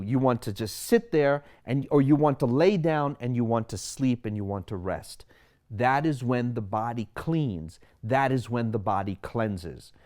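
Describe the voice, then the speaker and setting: His voice is mid-range with a darkish colour as this Sri Lankan doctor in his sixties explains his views on wellness in a monologue to camera. Rhetorical questions run all through it.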